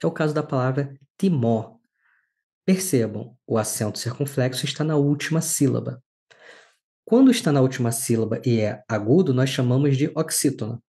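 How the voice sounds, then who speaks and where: Man, teacher, mellow tone, careful clear explanations. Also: mid-range voice. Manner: explains slowly and clearly, stresses syllables. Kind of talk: recorded lesson.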